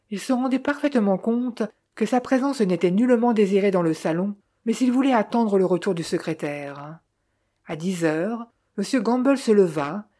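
A woman narrating a novel in a steady, measured way. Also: mid-range voice. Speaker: audiobook narrator. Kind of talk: scripted narration.

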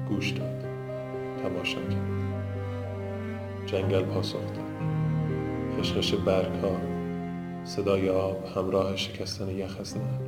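A man narrating a scripted fantasy audiobook in a measured, dramatic way. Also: deep voice. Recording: roomy with background music.

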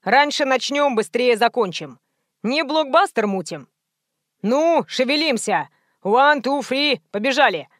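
A woman's voice: high-pitched, lively intonation, measured pace, fairly bright tone, no room sound. Woman voicing a rude bossy male director, brusque orders, dry close sound.

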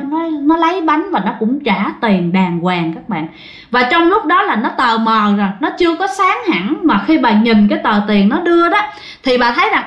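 A woman tells ghost stories casually and keeps speaking to her listeners. Her voice sits a bit high. The recording is muffled and roomy. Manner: chatty, addresses the audience often. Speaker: ghost story narrator.

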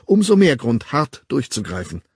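A hectoring young woman , put on by a male audiobook reader, who talks down to her friend. The voice rides well above his own and comes out loud and strident, with a raspy edge. It is recorded dry and close. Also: medium pitch, very animated, normal speed, no room sound, pitched above the performer's own voice, exaggerated voice. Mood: insistent. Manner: emphatic, lecturing, pushy. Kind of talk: audiobook character voice.

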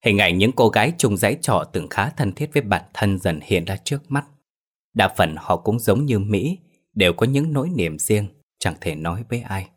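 A man narrating a horror story in a steady, grave storytelling manner. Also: lowish voice, normal speed.

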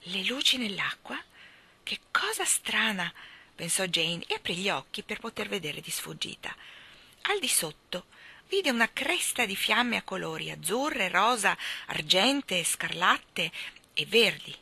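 A woman reading a children's storybook aloud in an expressive, storytelling manner. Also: medium pitch, measured pace, gravelly, breathy edge. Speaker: reader. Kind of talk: children's audiobook narration.

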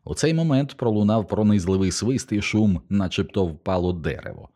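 A man narrating an audiobook in a steady, measured way. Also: lowish voice.

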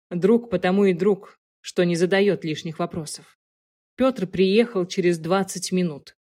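A woman narrating an audiobook in a calm, soft, even manner. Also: on the low side.

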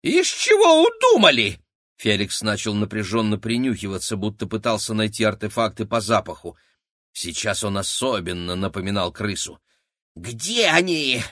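A man narrating an adventure audiobook in an expressive storytelling manner. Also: fairly low pitch, no echo, studio quality.

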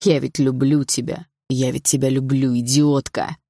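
A woman's voice: very deep voice, flat delivery, normal speed, warm tone, no echo, studio quality. A woman reading an audiobook, voicing a smug, possessive adult man who taunts coldly and sneers. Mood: smug menacing.

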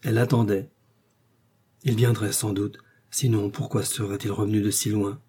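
A man narrating a classic novel in a measured, even reading voice. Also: on the low side, a little hiss or hum. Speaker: audiobook reader. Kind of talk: literary audiobook narration.

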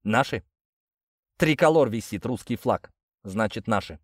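A man reading a first-person audiobook in a steady, grim storytelling manner. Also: lowish voice, unhurried, slightly rough, dry recording, clean studio sound. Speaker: audiobook narrator.

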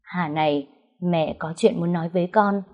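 A woman voicing a gravely ill mother who speaks slowly and tenderly, stern when crossed. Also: on the low side, dull audio, natural voice. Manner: slow, tender pleading, turning harsh in anger.

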